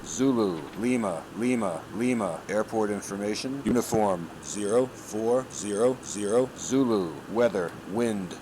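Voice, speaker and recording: A computer-generated male voice reading an automated airport weather broadcast, slow and even, one item at a time. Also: lowish voice, slight background noise, rough recording.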